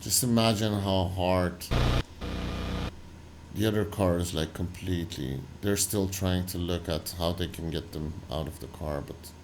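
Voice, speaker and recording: Low-voiced man commenting on footage. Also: very noisy. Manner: loose, halting, full of "like" and restarts. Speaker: reaction video host. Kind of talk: casual commentary over footage.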